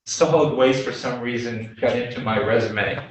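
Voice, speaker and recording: An older American man from Boston, a development consultant appearing as a guest lecturer, gives an informal slide lecture with audience questions, telling anecdotes in a halting, self-deprecating way. His voice is medium-pitched, with slight background noise, and he's recorded on a distant microphone in a very echoey meeting room before a small audience.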